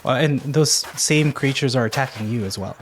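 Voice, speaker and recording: A man narrating a tabletop game as game master, with many pauses and fillers. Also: medium pitch, a little hiss or hum. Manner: hesitant, filler-heavy narration.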